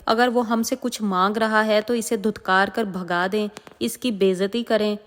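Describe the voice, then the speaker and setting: Brief: woman narrator, dramatic and emotive storytelling, mid pitch, long reverb on the voice. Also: fairly even intonation. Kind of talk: narrating a moral religious story.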